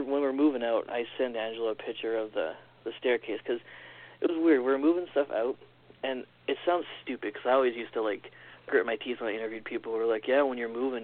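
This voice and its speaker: Fast-talking man on a tinny line. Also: mid-range voice. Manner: animated, quick storyteller acting out quoted lines. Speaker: podcast guest. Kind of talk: casual storytelling.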